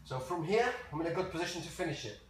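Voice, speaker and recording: A martial arts coach leads a jiu jitsu class, walking through a hands-on demonstration step by step in short, casual phrases. His fairly high voice is animated and racing, recorded far from the mic in a large, very echoey, noisy indoor training room.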